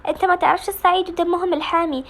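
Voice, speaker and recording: A woman's voice: very high voice, fairly even intonation, racing. A woman with an Egyptian Arabic accent voicing a stern young man who warns his friend in an emphatic, scolding way.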